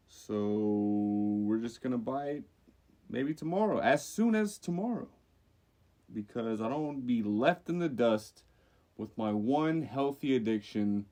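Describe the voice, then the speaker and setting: Young man, casual podcast chat, mellow dark voice, lively, animated. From Louisiana. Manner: animated storytelling, jumps up in pitch for emphasis. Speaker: podcast co-host.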